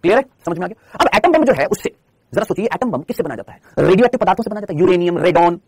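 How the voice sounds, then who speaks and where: A man's voice: high voice, very animated, slightly rough. A man teaching a lecture who asks his students questions and then answers them himself, repeating points in a coaching tone. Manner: fast, repetitive, coaching tone. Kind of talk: classroom lecture.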